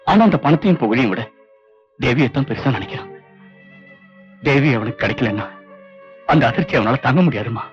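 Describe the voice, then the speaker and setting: Earnest young guy comforting his mom, man acting it, quiet, lo-fi movie audio. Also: medium pitch, lightly acted. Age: young adult. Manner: gentle, earnest and resigned. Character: self-sacrificing young son named Rishi. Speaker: son. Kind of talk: 1990s film drama acting. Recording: dull lo-fi film audio with faint music.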